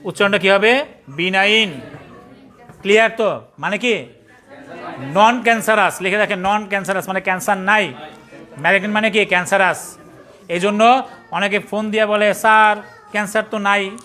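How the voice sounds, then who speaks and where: A pathology trainer with a Bangladeshi accent gives a classroom lecture in a high, pushed, bright voice at normal speed, pausing often over a faint crowd. He quizzes students, spells terms letter by letter, and scolds and teases latecomers with colloquial jokes.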